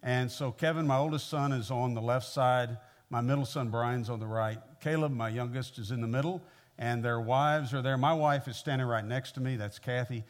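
A Midwestern American man in his sixties, from Missouri, speaks at medium pitch and a moderate pace. He's a visiting pastor giving a conversational sermon to a congregation, folksy and personable in manner.

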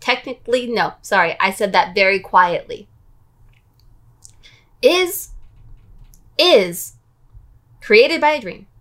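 A woman co-hosting a casual guessing game, playful and quick to laugh. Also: mid-range voice, expressive, a bit bright. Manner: playful, laughs often, sings snatches.

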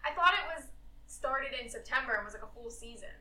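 A relaxed woman co-host who leans on "like" all the time. Her voice is bright and a bit high, heard from a step back from the mic in an echoey room. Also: brisk, recorded from a distance. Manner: relaxed, says "like" constantly. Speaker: podcast co-host. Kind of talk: casual chat. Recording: roomy, a little off-mic.

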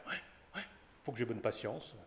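An actor playing an unhappy, henpecked husband who stammers, grumbles and repeats himself, in stage acting of a classic comedy. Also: male voice, mid-range voice, moderate pace, gravelly, natural voice. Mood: flustered. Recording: echoey hall with long reverb.

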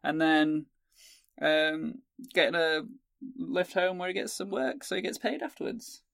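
Gravelly man riffing on a podcast. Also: a little high, unhurried, fairly bright tone, dry recording. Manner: joking, wry, riffing. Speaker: podcast co-host. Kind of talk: casual podcast chat. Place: tiny sound booth.

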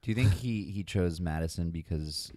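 Deep-voiced deadpan podcast man. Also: moderate pace, no echo, clean studio sound. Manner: blunt, deadpan jokes. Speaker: podcast co-host. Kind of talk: casual chat.

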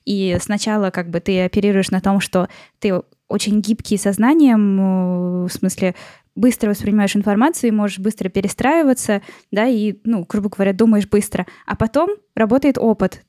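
A woman co-hosting a podcast, talking through ideas casually with frequent pauses and fillers. Her voice is warm and mellow, recorded close and dry with no room sound. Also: medium pitch, no room sound. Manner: relaxed, thinking aloud with many fillers. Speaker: podcast co-host. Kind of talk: casual discussion of an article.

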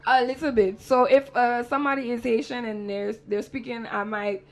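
Creaky-voiced Saint Lucian woman chatting. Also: a little high, fairly even intonation, moderate pace. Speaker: guest, soca and dancehall singer. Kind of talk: casual radio interview.

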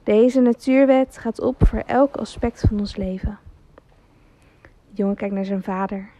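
A woman reading a gentle story aloud as narrator, slowly and carefully. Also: medium pitch. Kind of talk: scripted storytelling.

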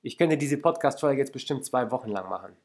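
A man's voice: mid-range voice, expressive, fairly quick. A young man from the Lake Constance region, hosting a solo self-help podcast and speaking earnestly and directly to the listener. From Lake Constance region, Germany. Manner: earnest, addresses listener directly, repeats for emphasis. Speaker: podcast host.

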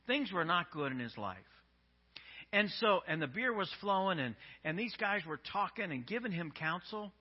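Husky man preaching, dull lo-fi sound. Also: sits high, big pitch swings, moderate pace. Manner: conversational storytelling with many restarts. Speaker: pastor. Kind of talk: sermon.

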